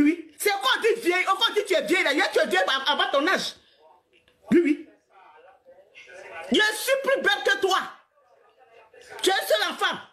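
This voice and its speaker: A woman's voice: very high-pitched, sharp tone. A woman in her forties on a live stream, scolding someone at length with frequent laughter and lots of repetition. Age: 40s. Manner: scolding, laughing often, repeats herself. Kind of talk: heated live-stream rant.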